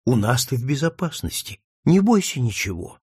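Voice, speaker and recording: A man voicing a gentle, soothing housewife. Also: medium pitch, sing-song, moderate pace, slightly rough, no room sound, clean studio sound. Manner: soothing, tender. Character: kind gentle woman, a senator's wife.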